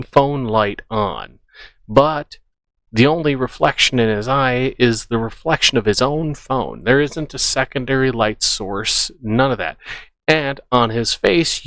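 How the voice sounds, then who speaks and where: A man's voice: medium pitch, a bit bright, dry recording. A man hosting a reaction video, scoffing and skeptical as he picks apart a clip and repeats his points. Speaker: reaction channel host. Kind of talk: reaction commentary.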